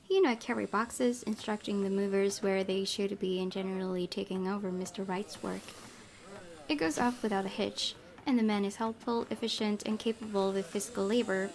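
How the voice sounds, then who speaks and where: Faint music plays behind a woman streamer as she narrates a visual novel in let's-play style, tossing in casual remarks. She speaks at a medium pitch with a darkish tone.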